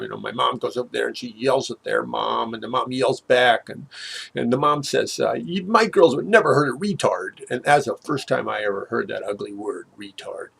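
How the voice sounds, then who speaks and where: Gravelly older man telling a story. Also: a bit bright. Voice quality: gravelly, husky voice. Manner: halting, many fillers and restarts, voice drops low at grim moments. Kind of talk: spoken personal storytelling.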